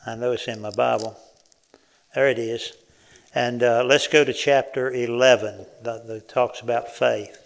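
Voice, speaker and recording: A man preaching a sermon in a folksy, animated way, often asking the congregation questions. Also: mid-range voice, measured pace, creaky.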